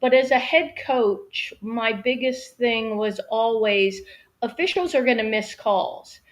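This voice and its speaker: A woman's voice: fairly high pitch, slow pace. A woman, a referee and former head coach, answering an interview question in a plain, matter-of-fact way. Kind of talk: casual interview chat.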